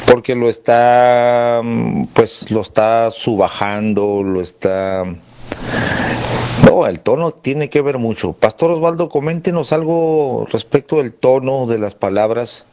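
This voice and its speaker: A man with a Mexican accent moderating a radio call-in discussion, slowly inviting others to speak. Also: medium pitch, dark tone. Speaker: program host and moderator.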